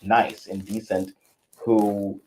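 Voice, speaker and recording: A man's voice: fairly low pitch, level tone, slow, background noise. A man from the South, co-hosting a casual podcast chat, arguing a point earnestly with frequent restarts. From American South. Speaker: co-host.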